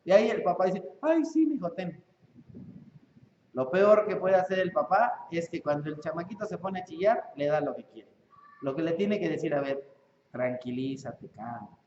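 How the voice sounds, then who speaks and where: A man with a Mexican accent preaching a sermon as pastor, animated and acting out parents and children. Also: high voice, a little hiss or hum. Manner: animated, acts out parents and children in quick voices. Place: church. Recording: echoey lo-fi church hall recording.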